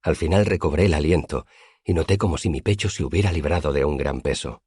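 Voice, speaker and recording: Husky, deep male audiobook narrator. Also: darkish tone, no echo, studio quality. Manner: measured, storytelling.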